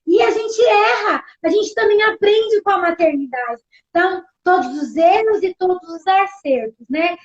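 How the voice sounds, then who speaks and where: Chatty high-voiced Brazilian woman pastor. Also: normal speed, highs cut off. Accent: Brazilian Portuguese. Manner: chatty, tag questions, animated quoting. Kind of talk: casual church talk.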